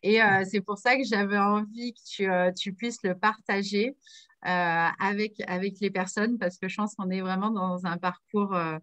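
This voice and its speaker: Woman hosting a live online summit, chatty, laughs a lot, medium pitch. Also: fairly even intonation, normal speed, no room sound. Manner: chatty, warm-up banter with viewers, often laughing. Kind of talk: livestream interview hosting. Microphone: video call.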